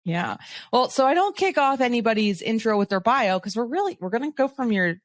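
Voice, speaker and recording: A woman hosting a business podcast, reading scripted intros and asking quick, upbeat follow-up questions. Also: a little high, big pitch swings, no room sound. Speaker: podcast host. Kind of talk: reading ad copy and interviewing.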